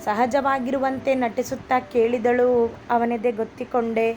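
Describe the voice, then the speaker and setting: A woman's voice: on the high side, little pitch movement, unhurried, a little mellow, soft background music. A woman reading a family love story aloud as a storyteller, evenly voicing each character herself. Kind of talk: scripted story narration.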